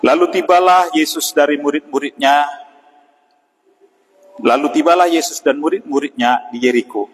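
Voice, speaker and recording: Man preaching an evening devotional, reverberant. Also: fairly high pitch. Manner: unhurried, with frequent "ya" and pauses. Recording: long hall reverb.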